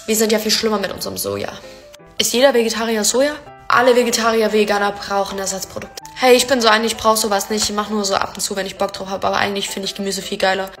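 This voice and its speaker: A woman's voice: medium pitch, little pitch movement, fast talker, a bit bright, soft background music. A young woman telling a storytime vlog, ranting indignantly about her family with casual swearing and English slang mixed in. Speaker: content creator.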